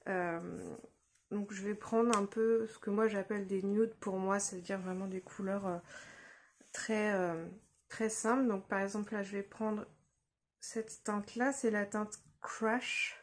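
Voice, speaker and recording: A young woman casually talking through a makeup tutorial, relaxed and hesitant with lots of fillers, recorded on a phone at home. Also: medium pitch, measured pace. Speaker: beauty vlogger. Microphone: phone camera.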